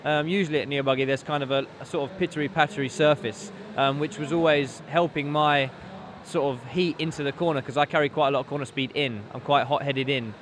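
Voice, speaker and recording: Young driver, slightly high, hesitant. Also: male voice, fairly even intonation, fast, fairly bright tone, slight background noise. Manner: hesitant, many ums. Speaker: racing driver. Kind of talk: interview answers. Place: large indoor event hall.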